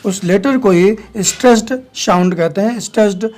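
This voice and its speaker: A man teaching English. He gives a classroom lecture that mixes Hindi and English, reading English lines slowly and then explaining them in Hindi. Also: sits high, a little mellow.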